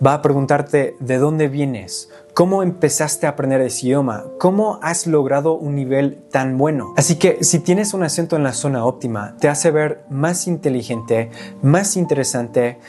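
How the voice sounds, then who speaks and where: A man's voice: on the high side, moderate pace, darkish tone, soft background music. Young man teaching, English native. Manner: clear, step-by-step explaining. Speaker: language teacher and video host. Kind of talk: scripted lesson to camera.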